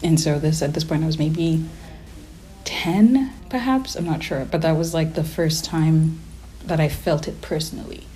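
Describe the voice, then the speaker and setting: A woman's voice: deep voice, normal speed, few pauses, mellow, slight background noise. A woman in her thirties from Kenya with an American-sounding accent and a slight Kenyan trace, speaking reflectively and casually in an interview. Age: 30s.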